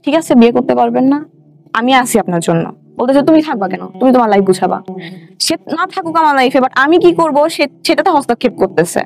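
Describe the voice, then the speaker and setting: Animated and a little fast, her high-pitched voice carries some vocal fry. The young woman, a Bangladeshi Bengali-accented interview guest, shares her personal story in everyday language peppered with English words, backed by music.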